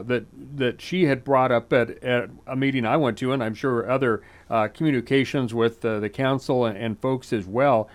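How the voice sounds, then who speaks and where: Male interviewer, mid-range voice, halting with lots of uhs. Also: medium pitch. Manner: halting, many uh fillers and restarts. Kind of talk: conversational interview.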